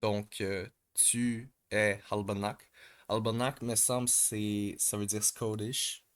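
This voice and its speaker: A man calmly explains language exercises step by step, pausing often and filling gaps with hesitations. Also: fairly low pitch, smooth. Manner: hesitant, many pauses and fillers.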